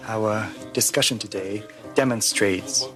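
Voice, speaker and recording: A man with a fairly low voice speaks as an interpreter, laying a translation voice-over across a formal speech. His delivery is measured and even, the steady voice of simultaneous interpretation. Faint music sits underneath. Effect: interpreter's translation voice-over from a summit broadcast.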